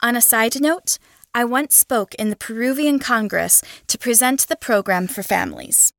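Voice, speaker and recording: A woman reading the answers of a scripted interview in a steady, even way. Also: fairly high pitch, normal speed, gravelly, dry recording, studio quality.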